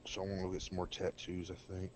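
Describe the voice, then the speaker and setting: Man, very deep voice, blunt rambling stream chat, faint background hiss. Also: completely flat delivery, fast, darkish tone. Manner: blunt, rambling, talks with a cigarette in his mouth. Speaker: game server co-host. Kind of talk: casual gaming stream chat. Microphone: desk microphone by keyboard.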